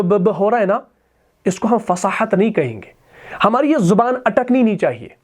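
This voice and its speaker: A man teaching Arabic verb conjugation, reciting each word form slowly and then explaining it in plain terms. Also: high-pitched. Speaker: Quran and Arabic grammar teacher.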